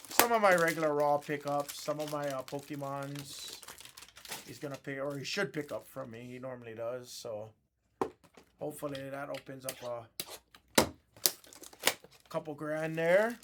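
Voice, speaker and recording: Slightly high-voiced and a bit slow, with long pauses, a man from Oahu with a Hawaiian accent runs a live card break. He chats and teases viewers in an easygoing way while opening packs, against a noisy background.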